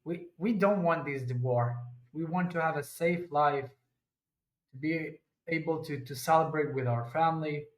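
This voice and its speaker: A man from Israel, a guest and army reservist, answering in earnest, halting full of restarts. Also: a little high. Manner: earnest, halting non-native English with restarts. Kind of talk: interview answers. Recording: echoey room.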